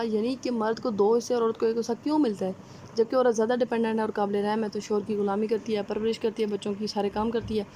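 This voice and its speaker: A woman with a Pakistani Urdu accent giving a conversational exam-prep lecture, often pausing with fillers and checking-in tags. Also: mid-range voice, darkish tone, slight background noise. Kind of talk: explanatory lecture.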